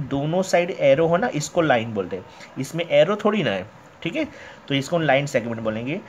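Male primary math teacher, slightly high voice, patient call-and-answer drilling, faint noise floor. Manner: repeats questions and answers them himself, addresses pupils as beta; reads textbook lines out slowly in English. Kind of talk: classroom lesson explanation.

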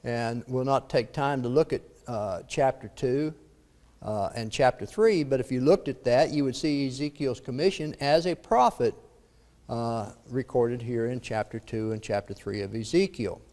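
A man's voice: mid-range voice, normal speed, dark tone. A man preaching a lesson in a church, reading scripture aloud with rising emphasis and then explaining it with some hesitant fillers. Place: church auditorium. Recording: long reverb of a church hall.

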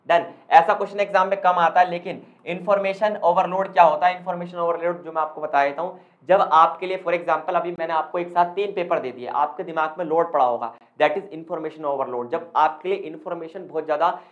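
Emphatic male exam tutor, lo-fi. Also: a little high. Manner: emphatic, repeats key points to students. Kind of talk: exam revision lesson.

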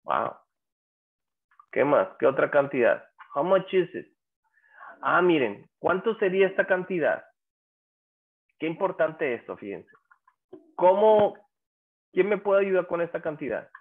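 A man teaching an English class, drawing out his example words slowly and coaxing students to answer. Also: on the high side, sing-song. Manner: slow, drawn-out English examples. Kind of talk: online class lecture. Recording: tinny phone-like audio.

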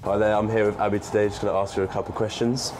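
A man's voice: lowish voice, little pitch movement, very fast, darkish tone, soft background music. A young man interviewing sailing instructors outdoors by a harbour, with brief friendly prompts. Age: young adult. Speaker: student interviewer. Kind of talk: casual interview.

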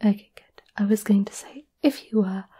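In a small candlelit room, a woman in her 20s whispers close to the mic as an ASMR performer, playing a gentle, caring centuries-old witch who offers potions. Her breathy whisper sits at medium pitch and moves at a moderate pace, soothing and slightly hesitant.

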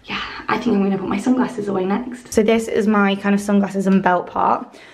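A woman's voice: medium pitch, little pitch movement, fairly quick, gravelly, darkish tone. Chatty young woman, roomy echo. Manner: chatty and enthusiastic, lots of "like". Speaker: lifestyle vlogger. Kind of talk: casual vlog chat to camera. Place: bedroom walk-in wardrobe, indoors. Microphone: camera on a stand, close.

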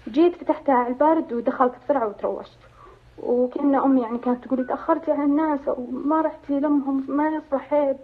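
Lady calling in, rambly, fast, phone line sounds tinny. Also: sits high, steady tone. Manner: rambling with many fillers. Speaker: caller. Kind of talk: phone call recounting a dream.

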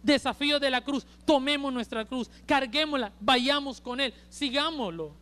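Honduran pastor guy preaching, super high bright voice, goes loud then hushed. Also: moderate pace. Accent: Honduran Spanish. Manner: emphatic, swings between loud and hushed. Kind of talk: sermon. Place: church service.

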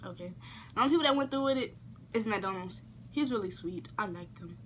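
A woman's voice: mid-range voice, expressive, a little fast. A young woman chatting casually and bluntly, teasing, in a bedroom. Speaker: prank-call vlogger. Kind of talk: casual chat, joking banter. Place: bedroom, camera on the bed at arm's length. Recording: noisy home camera audio.

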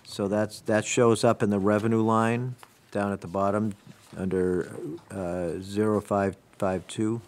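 A man's voice: on the low side, little pitch movement, a little slow. A man presenting a town budget at a select board meeting, explaining line items step by step into a table microphone in a meeting room. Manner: explanatory, walking through budget lines.

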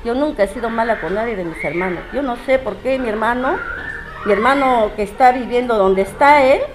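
Aggrieved high-voiced woman pleading her case. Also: a little fast, music in the background. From Peru. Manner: pleading, emotional, repeats herself. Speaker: interviewee. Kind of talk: aggrieved street interview.

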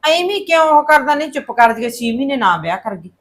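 A woman plays a fretful middle-aged mother in a short film drama, pressing her point again and again. Her voice is high, and her talk stays anxious and insistent. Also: sing-song, fast talker. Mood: worried. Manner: worried, insistent. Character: anxious mother worried about her son's marriage.

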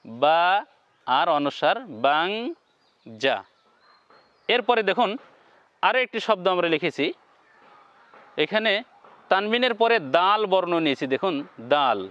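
High, smooth-voiced man teaching recitation. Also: big pitch swings, a bit bright, lo-fi sound. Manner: spells out syllables slowly, then chants the words. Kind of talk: step-by-step lesson.

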